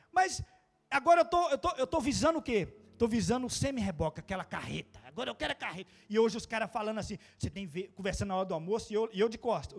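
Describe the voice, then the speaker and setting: A man with a Brazilian Portuguese accent, preaching a casual, humorous sermon. He swings from quiet asides to loud, rising exclamations and tells stories with playful quoted voices and sound effects. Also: high voice. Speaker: pastor.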